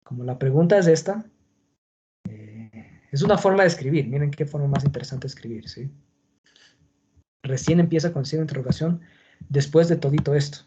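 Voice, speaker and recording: A man's voice: a little high, brisk, pauses often, dull audio, background noise. A man teaching a class on punctuation, explaining patiently and checking in with his students. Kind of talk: online class on Spanish punctuation.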